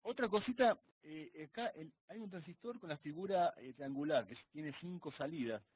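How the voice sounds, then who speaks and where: A man asks halting questions in an online class. His voice is husky and swings widely in pitch. The sound comes through a tinny video call line. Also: expressive. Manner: hesitant, searching for words. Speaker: student.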